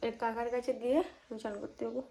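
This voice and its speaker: Chatty young mother, high voice. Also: flat delivery, quick pace, creaky, dark tone, slight background noise. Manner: chatty, speaks to camera while tending a baby. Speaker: vlogger and mother. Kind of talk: casual home vlog talk. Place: family home and rooftop.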